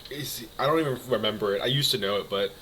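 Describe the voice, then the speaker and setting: A young man chatting casually as co-host, opinionated and animated, often restarting his sentences. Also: fairly low pitch, fast talker, a crowd in the background, low-quality recording. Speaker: co-host ranking movie villains. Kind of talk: casual chat.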